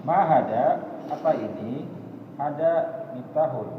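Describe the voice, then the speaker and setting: An adult man student answering class exercises in a slow, halting way. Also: medium pitch, animated, a little hiss or hum. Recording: distant, tinny, roomy with faint ambience.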